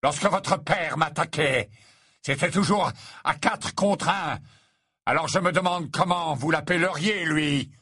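A man's voice: fairly high pitch, expressive, fairly quick, few pauses, pushed and bright, husky, no echo, studio quality, heavily acted. A man voicing a cold, disdainful male wizard who mocks his opponent in a sneering tone, in an audiobook reading. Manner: sneering, mocking.

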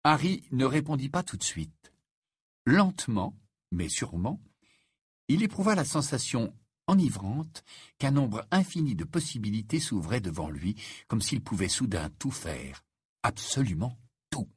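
A man narrating an audiobook in an expressive storytelling manner with a husky voice. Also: medium pitch, measured pace, no room sound, studio quality. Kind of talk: scripted narration.

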